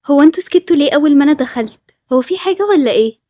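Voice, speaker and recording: A woman's voice: sits high, lively intonation, racing, warm tone, no echo, clean studio sound. A woman voicing a suspicious Egyptian schoolgirl. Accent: Egyptian Arabic. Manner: accusing, indignant. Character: suspicious touchy schoolgirl, quick to accuse. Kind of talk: storytelling over animated game scenes.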